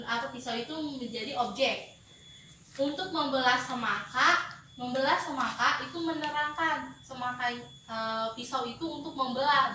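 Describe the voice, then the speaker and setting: A woman teaching a grammar lesson to pupils, speaking with many hesitant filler pauses. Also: high-pitched, pushed and bright. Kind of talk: classroom lesson. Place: home study room. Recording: echoey room from far off, noisy.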